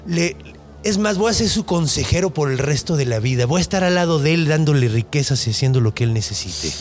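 A man doing a slow, menacing giant genie. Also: a little high, lively intonation, voice pushed down, lightly acted. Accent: Mexican. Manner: slow, dramatic storytelling delivery. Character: giant vengeful male genie, proud and bitter.

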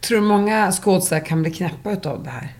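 A woman interviewer asking short, measured questions in a casual chat. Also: on the low side, animated, a little mellow.

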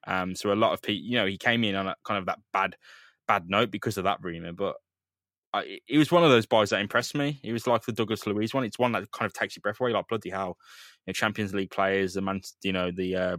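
A man's voice: low-pitched, fairly bright tone, dry recording, studio quality. A man co-hosting a football podcast, chatting casually and teasing his co-hosts. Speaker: podcast co-host.

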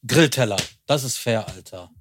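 Animated, slangy podcast co-host. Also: male voice, moderate pace, slight background noise. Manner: animated, slangy, jumps into high-pitched protests. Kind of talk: casual chat.

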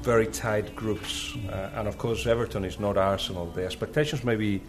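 A man's voice: lowish voice, steady tone, a little fast. A man interviewing in a conversational style, putting questions to his guest. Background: faint music.

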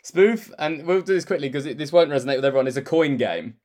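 A man's voice: a little high, animated, fast, a little mellow. A man, co-hosting a podcast in casual chat, telling stories and laughing often. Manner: laughs often, storytelling, playful. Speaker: podcast co-host.

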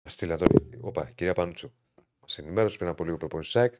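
Male sports podcast host from Greece, lowish voice, chatty, loves a side story. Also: heavy background noise. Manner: chatty, jokey, loose asides. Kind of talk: casual sports talk.

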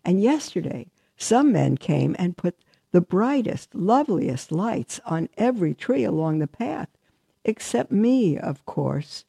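A gentle old tree speaks in a sad, soft voice, as a woman reads him in a storybook. The tone is husky and gravelly, dark and mellow, close and dry. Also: on the low side, sing-song, a little slow, no room sound, full character voice.

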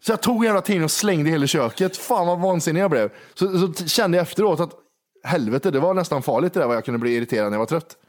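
A man's voice: fairly high pitch, animated. Blunt, swearing man telling anecdotes. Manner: blunt, swears, tells anecdotes of losing his temper. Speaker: podcast co-host. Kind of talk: casual chat.

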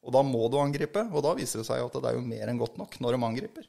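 Creaky-voiced man in casual chat. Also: mid-range voice, animated, dark tone. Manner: blunt, earthy opinions with many fillers. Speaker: podcast co-host, football fan.

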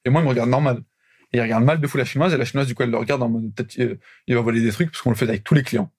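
A man's voice: mid-range voice, a little mellow, husky, no echo, studio quality. A man in his twenties co-hosting a podcast, telling work stories in casual chat with frequent laughter. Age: 20s. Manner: fast, laughing storytelling. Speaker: podcast co-host.

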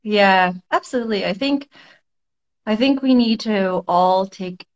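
A woman's voice: medium pitch, a little slow, lo-fi sound. A woman guest in a casual conversation, thinking aloud in a reflective way, with frequent fillers and restarts. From Toronto, Canada.

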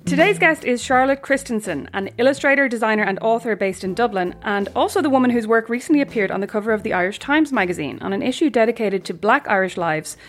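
A woman hosting a casual podcast interview, chatty and quick to laugh. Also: a little high, lively intonation, faint music behind. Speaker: podcast host. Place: remote call, lives in the States.

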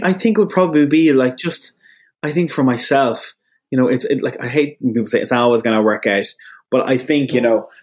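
An Irish man chatting candidly as a podcast guest, open and quick with asides. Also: medium pitch, darkish tone, slightly rough. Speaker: guest, radio presenter. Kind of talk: casual podcast chat.

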